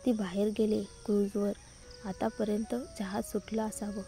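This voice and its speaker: Storybook figure: woman reading an anxious young woman, dark mellow tone. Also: mid-range voice, level tone, moderate pace, natural voice. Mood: worried. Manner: anxious questioning. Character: worried young woman, the heroine's friend.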